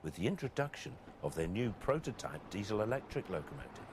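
A man's voice: lowish voice, very animated, fast talker, background noise. A man reading scripted documentary narration as a voice-over.

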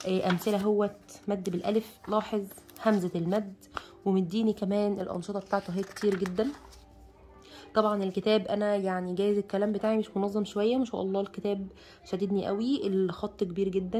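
Egyptian woman, quick and chatty book reviewer, enthusiastic, filler-heavy. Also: mid-range voice, a little mellow, slight background noise. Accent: Egyptian Arabic. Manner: chatty, enthusiastic, many fillers, lists contents aloud. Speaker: bookshop presenter reviewing a children's book. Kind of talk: casual book review while leafing through pages.

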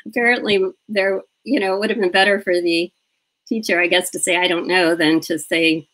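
A woman's voice: on the low side, steady tone, a little fast, fairly bright tone, low-quality recording. A woman interviewing a guest over a live video call, chatting casually and laughing as she tells stories. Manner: chatty, laughs often, acts out childhood quotes.

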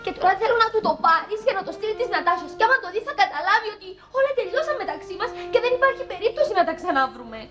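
A woman's voice: extremely high pitch, very animated, few pauses. An actress playing an insistent, coaxing woman with a Cypriot accent. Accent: Cypriot Greek. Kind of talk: sitcom acting. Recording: TV sound with music behind.

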